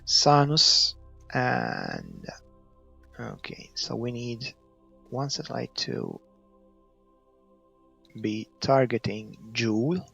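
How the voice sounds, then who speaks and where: Pitch swings widely in this man's extremely slow, pushed and bright delivery, which has vocal fry, a breathy edge and long pauses. He's a Maltese gaming video creator with a Maltese accent, thinking aloud hesitantly through unscripted gameplay commentary. Soft music plays under muffled, dull, low-fidelity audio.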